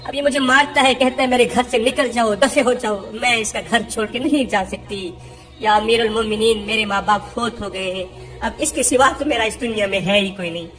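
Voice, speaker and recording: A woman's voice: fairly high pitch, a bit bright, faint music behind, close to an everyday voice. A woman voicing a poor, mistreated young wife who tearfully pleads for help. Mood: pleading.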